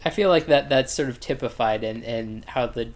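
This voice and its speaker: A woman's voice: rumbling low, moderate pace. A woman co-hosting a casual podcast who talks in a wry, teasing way. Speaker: podcast co-host.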